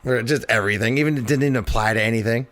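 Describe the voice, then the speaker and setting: A man's voice: medium pitch, racing, a bit bright, no room sound. A man chatting casually with friends on a podcast, rambling and joking with fillers. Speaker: podcast co-host. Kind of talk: casual chat among friends.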